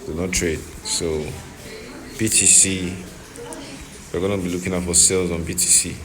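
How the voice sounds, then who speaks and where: A man's voice: low voice, flat delivery, normal speed, a crowd in the background. A man giving casual trading commentary, repeating his phrases and checking that the listener follows. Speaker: trading vlogger. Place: on location, partly in a noisy hospital. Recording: noisy background, uneven level.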